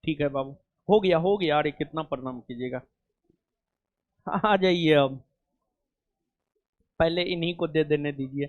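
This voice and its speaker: A man's voice: on the high side, unhurried, pauses often, no room sound, highs cut off. A male coaching teacher with a Bihari Hindi accent, chatting casually and fussing affectionately as he honors students. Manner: affectionate, joking, fussy.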